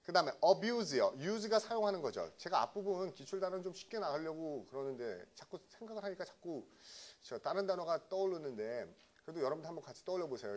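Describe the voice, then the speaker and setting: A middle-aged man from South Korea teaches English vocabulary in a brisk classroom lecture. His fairly high voice rises and falls a great deal as he keeps checking in with his students.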